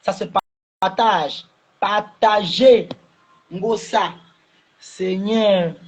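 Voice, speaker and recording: A man's voice: high voice, very slow. A man, ranting and taunting on a livestream, firing the same questions again and again. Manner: taunting, repeats questions, rising to shouts. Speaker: social media livestreamer. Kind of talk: mocking livestream rant.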